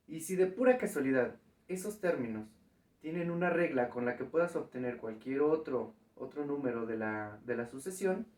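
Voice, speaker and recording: A man's voice: fairly high pitch, darkish tone, recorded from a distance. A man teaching a recorded math lesson at the board, patiently explaining step by step and checking in with the students. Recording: echoey room, voice from off-mic.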